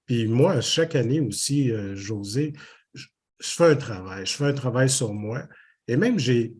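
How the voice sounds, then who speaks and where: An older man with a Québécois French accent speaks as an interview guest, his husky voice sitting at an ordinary middle pitch. He talks earnestly and reflectively, circling back on phrases and leaning on fillers as he thinks. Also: darkish tone. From Haiti. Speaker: business owner guest. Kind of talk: casual interview conversation.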